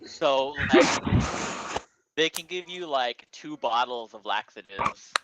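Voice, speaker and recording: A man at an ordinary pitch narrates a tabletop game as game master, sprinkling his speech with casual fillers. The recording sounds a little dull and lo-fi. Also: lively intonation, slow pace, very noisy. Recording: slightly muffled lo-fi recording.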